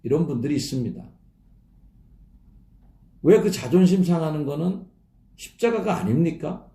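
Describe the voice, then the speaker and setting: A man preaching at an early-morning prayer service, talking in a casual, storytelling way. His voice is low and gravelly, it rises and falls a lot, and it rings in an echoey church. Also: lively intonation, moderate pace, mellow. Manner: conversational, acting out mocking voices. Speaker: pastor. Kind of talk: sermon.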